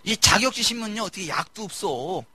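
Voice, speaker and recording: A man preaches a sermon with a very high voice that leaps around. His tone is bright and forceful, and the sound is dry and close. He acts out people's complaints and shouts his key points. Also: a little fast, husky, no room sound. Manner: animated preaching, mimicking congregants, shouting emphases. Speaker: pastor. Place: church sanctuary.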